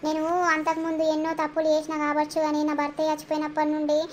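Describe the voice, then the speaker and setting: A woman's voice: high voice, monotone, very fast, slight background noise, natural voice. A woman voicing a timid village widow in a cartoon comedy, pleading and apologetic in a Telangana Telugu accent. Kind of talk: animated village comedy voice acting.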